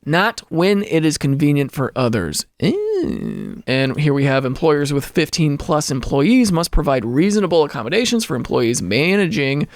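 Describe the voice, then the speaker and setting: A young man hosting a comedy show, reading online posts aloud and reacting to them playfully, jumping from high exclamations down to low mumbles. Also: animated, normal speed, few pauses, dry recording.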